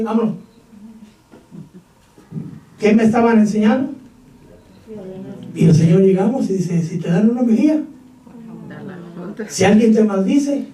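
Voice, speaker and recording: A man with a Mexican Spanish accent preaches a Pentecostal sermon in a strikingly high voice, now and then shouting and firing questions at the congregation. The sound is echoey, as if caught from across a church hall. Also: far from the mic. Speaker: pastor.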